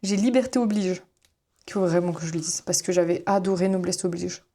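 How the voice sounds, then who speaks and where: A young student vlogger flips through her notebooks while chatting casually, rambling with plenty of fillers and self-corrections. Her voice is fairly low in pitch, fairly quick, and warm.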